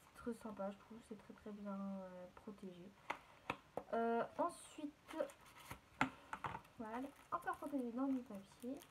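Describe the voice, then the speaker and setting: A woman's voice: medium pitch, fairly quick, few pauses, heavy background noise. A woman chatting casually to her viewers as she unboxes and shows off a beauty haul, with plenty of fillers. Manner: chatty, filler-heavy, addresses viewers directly.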